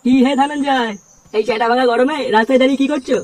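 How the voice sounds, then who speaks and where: A woman plays a meddling cartoon village man who pokes fun and lectures with smug preachiness. The voice sits a little back from the mic, with steady background noise under it. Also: sits high, quick pace, natural voice. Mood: mocking. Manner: mocking, nosy, lecturing. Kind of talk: cartoon voice acting. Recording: distant voice with clear background noise.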